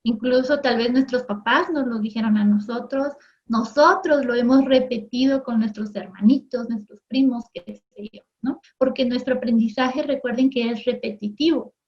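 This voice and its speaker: A woman teacher with a slightly high voice gives a recorded classroom lesson for TV, and the audio is dull and lo-fi. She keeps it conversational, checking in often with "¿sí?" and "¿no?", and acts out everyday voices in quick asides.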